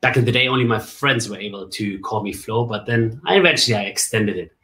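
A man's voice: on the low side, a little fast, sharp tone. A man in his forties from Germany, a communication coach, telling his story in a casual interview with jokes and asides. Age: 40s. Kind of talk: casual interview on a video call.

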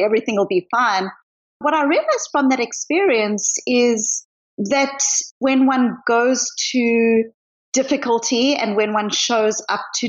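A woman's voice: medium pitch, dull audio. A middle-aged woman from South Africa with a mixed accent, a psychologist speaking thoughtfully as a guest in an interview. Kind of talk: interview conversation.

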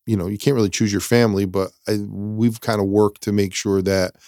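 A man's voice: on the low side, flat delivery, a little fast, dark tone, no echo, clean studio sound. A middle-aged man chatting casually as co-host, asking curious, teasing questions. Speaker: co-host of a family channel. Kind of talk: casual chat.

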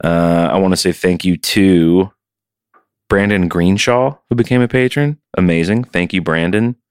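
A man's voice: deep voice, measured pace, smooth, no room sound. A man co-hosting a podcast from his home music studio, chatting loosely with jokes and swearing. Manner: loose, joking and profane. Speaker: podcast co-host and touring musician. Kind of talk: casual podcast chat.

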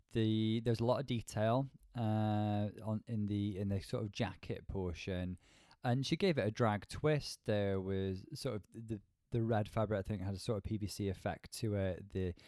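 A man co-hosting a conversational review, articulate and measured in his wording. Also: fairly low pitch, a little mellow, no room sound, clean studio sound. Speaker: podcast co-host reviewing a TV show. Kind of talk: conversational critique.

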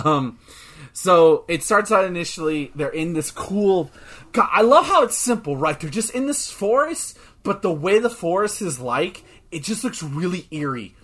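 A man co-hosting a casual chat podcast, rambling and excitable, often swearing as he talks. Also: high-pitched, unhurried. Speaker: podcast co-host.

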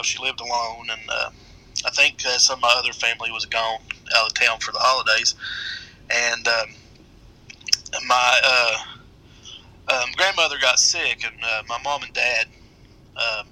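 Bright, sharp-voiced Appalachian man, halting storyteller. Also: medium pitch, low-quality recording. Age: middle-aged. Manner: halting, rambling delivery. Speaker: guest storyteller. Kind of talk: casual conversational storytelling.

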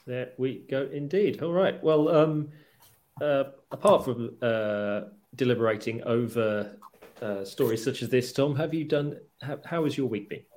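Halting male sports podcast host. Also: mid-range voice, a little mellow. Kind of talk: casual sports talk, presenting results.

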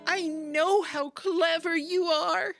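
A woman's voice: very high voice, fairly even intonation, slow, gravelly, fairly bright tone, soft background music, heavily acted. A woman voicing an old, frightened male monkey who frets and pleads theatrically. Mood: pleading. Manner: fretful and pleading, theatrical laments.

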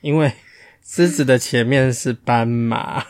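A man's voice: medium pitch, measured pace, no room sound, clean studio sound. A father reading a picture book aloud to his child, playfully asking questions along the way. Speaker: storyteller parent.

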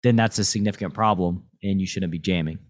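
A man's voice: low voice, quick pace, no room sound. A man hosting a podcast in a casual, explanatory, lightly teasing way, close on a podcast mic. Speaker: podcast host and poker coach.

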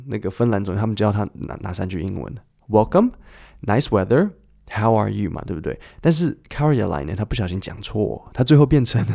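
Gravelly low-voiced man teaching listening. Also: mellow. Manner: patient, conversational teacher who asks listeners questions. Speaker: podcast host and English listening teacher. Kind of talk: explaining a listening lesson.

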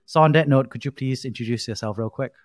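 A man hosting a podcast, asking questions in a measured, deliberate way. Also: mid-range voice, no room sound, clean studio sound. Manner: measured, deliberate delivery with slow pauses. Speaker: podcast host. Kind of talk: interview hosting and read ad.

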